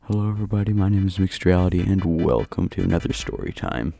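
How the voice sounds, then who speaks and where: A young man telling a casual storytime, keeping his voice down in a dark room at night. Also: sits low, quick pace, gravelly. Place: dark bedroom at home. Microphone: new home mic.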